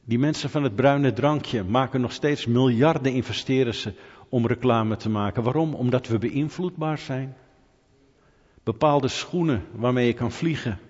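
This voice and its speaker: A middle-aged man preaching a conversational sermon, asking rhetorical questions and building to animated emphasis. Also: mid-range voice, normal speed, husky. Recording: dull hall reverb.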